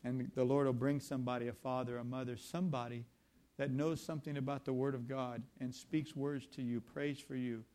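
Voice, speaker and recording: Animated preacher telling stories. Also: male voice, medium pitch, fairly quick. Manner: animated storytelling with conversational asides. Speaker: pastor. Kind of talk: sermon.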